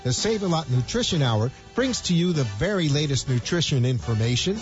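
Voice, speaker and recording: Lively male radio announcer. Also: fairly high pitch, brisk. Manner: announcer delivery. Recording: dull lo-fi radio with music.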